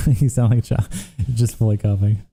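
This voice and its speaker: His voice is fairly low, warm, and husky, with fairly even intonation, as this young man hosts a livestream and reads viewer comments. Tired from days of streaming, he keeps it casual and profane, throwing quick asides at chat.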